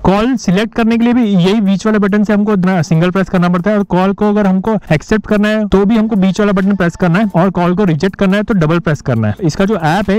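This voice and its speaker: Background music plays under this tutorial vlog, where a man in his thirties with an Indian accent walks through each step, slipping in English terms. The motovlogger's voice is high and a little mellow, delivered both to camera and as voice-over.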